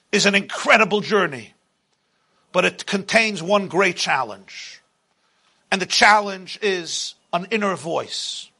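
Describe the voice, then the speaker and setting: A man giving a motivational sermon as a religious speaker, with dramatic, emphatic phrasing and deliberate repetition. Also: sits high, pushed and bright.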